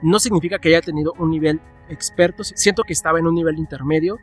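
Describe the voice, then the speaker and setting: Young Mexican guy, chatty vlog storyteller, a bit high, soft music behind. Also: fast. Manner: chatty, animated, acts out his own past dialogue. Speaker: vlogger.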